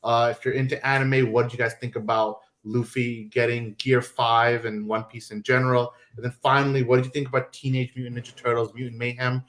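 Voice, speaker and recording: A man hosting a podcast and chatting casually, animated and quick, with many restarts. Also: mid-range voice. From New York. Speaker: podcast host. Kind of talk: casual chat.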